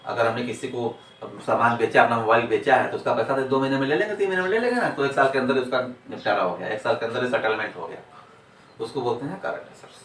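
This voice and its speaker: A man's voice: medium pitch, fast talker, a bit bright. A man teaching accounting in a classroom lecture, repeating points and answering his own rhetorical questions. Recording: echoey room, distant mic, faint noise.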